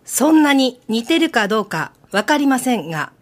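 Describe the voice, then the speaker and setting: A woman's voice: fairly high pitch, normal speed. Woman playing a polite AI voice assistant. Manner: polite, even announcer-like phrasing. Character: female AI voice assistant, polite and evasive.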